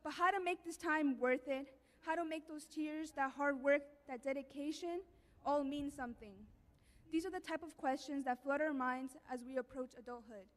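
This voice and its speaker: A woman's voice: high-pitched, moderate pace. A teenage girl delivering an earnest, heartfelt speech as a graduating student speaker. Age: teens.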